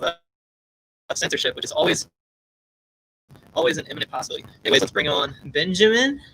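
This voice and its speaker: A man's voice: a little high, pushed and bright, a little hiss or hum. A man hosting his own livestream, chatting loosely with many fillers and restarts. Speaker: livestream host. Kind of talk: casual livestream chat.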